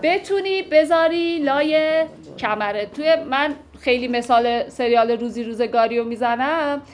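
A woman's voice: sits high, a little hiss or hum. A woman teaching classical poetry, reciting verses and then explaining them in a casual, conversational way. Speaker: literature teacher.

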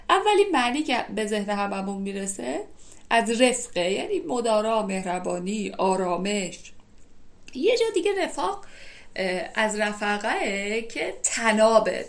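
A woman teaching classical poetry, who reads verses slowly and then explains them in lively everyday speech. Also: mid-range voice. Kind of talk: conversational poetry lesson.

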